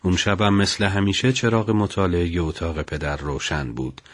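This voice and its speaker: Low-voiced man narrating a story. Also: no echo. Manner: calm, even storytelling.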